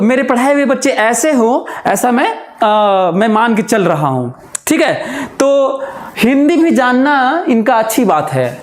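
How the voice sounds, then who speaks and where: A man teaching physics, listing terms slowly and repeating himself, with moral asides. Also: sits high. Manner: slow, repetitive, lists terms aloud, drifts into moral asides. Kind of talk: classroom lecture.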